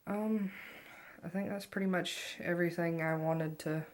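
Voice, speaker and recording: A woman's voice: on the low side, fairly even intonation, normal speed. Woman, twenties, informal vlogger, meandering talk, self-mocking and offhand. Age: 20s. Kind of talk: casual rambling chat to viewers.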